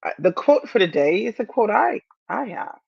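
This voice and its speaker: A woman in her fifties hosting a motivational podcast, speaking deliberately and repeating key phrases to encourage listeners. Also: medium pitch, big pitch swings, vocal fry, husky, highs cut off. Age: 50s. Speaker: podcast host.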